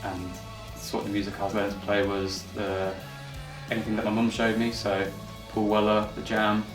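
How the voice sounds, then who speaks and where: A twenty-year-old man, the band's lead guitarist, wryly tells a story in a documentary interview in the band practice room. His voice sits on the low side and stays monotone at a normal speed. He's recorded far from the mic in an echoey room, with music playing behind him.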